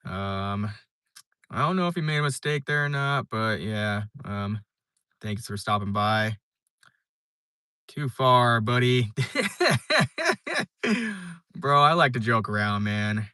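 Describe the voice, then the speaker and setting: A young live streamer takes things slowly, leaving long pauses as he chats casually and reads comments from viewers, rambling with frequent fillers and restarts in a laid-back manner. His voice is lowish, sharp and smooth, heard in a dry, studio-quality recording.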